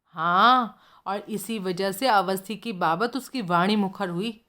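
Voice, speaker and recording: A woman's voice: mid-range voice, slow pace, sharp tone. Brief: blunt, slangy street informant man, mid-range voice, read by a woman. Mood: gossipy. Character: streetwise middle-aged male informant, blunt gossip.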